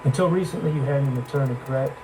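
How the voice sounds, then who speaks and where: A man's voice: mid-range voice, noisy background. Pointed male attorney cross-examining a witness. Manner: measured, pointed questioning, ends questions with "correct?". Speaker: defense attorney. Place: courtroom.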